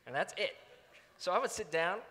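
A man delivers a storytelling sermon in a high, ringing voice. His pitch swings widely as he acts out his own lines with self-mocking energy. The sound carries the long reverb of a large hall. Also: expressive, moderate pace, sharp tone.

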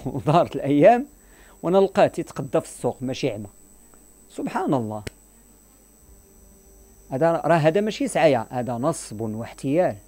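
A man's voice: fairly high pitch, darkish tone. A man with a Moroccan accent in impassioned radio talk, emphatic and moralizing, repeating his points. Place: radio studio.

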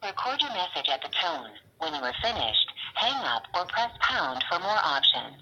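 A woman's voice: on the low side, very animated, normal speed. A woman giving automated voicemail instructions in a scripted style over a telephone line. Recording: noisy, dull telephone line.

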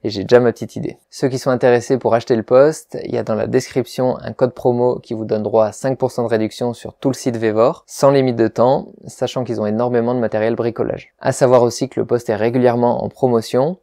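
A man's voice: medium pitch, little pitch movement, fast, vocal fry, hardly any pauses, dark tone, dry recording, studio quality. A man hosting a welding channel, giving a plain, frank and methodical product review narration.

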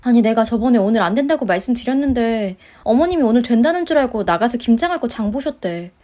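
A woman's voice: on the high side, expressive, dark tone. A woman voicing a firm, blunt young working wife and daughter-in-law in a story-radio drama. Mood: exasperated. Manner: brisk, firm, exasperated.

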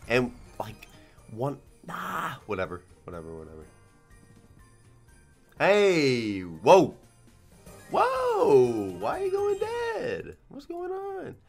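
A man giving profane live commentary on casino slot spins, muttering low to himself, then shouting when a win lands. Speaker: slot streamer.

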